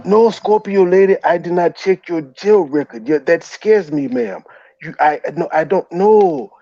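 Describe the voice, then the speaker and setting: Heard through dull, lo-fi, roomy stream audio, a livestream host and commentator speaks in a high, warm voice, a little slowly. He adopts a comic accent for his bantering commentary, teasing and acting exasperated while repeatedly saying "ma'am."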